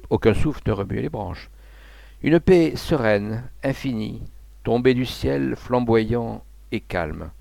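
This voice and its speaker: A man reading a classic novella aloud in a measured literary manner. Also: medium pitch, animated, gravelly, darkish tone, no room sound. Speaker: narrator.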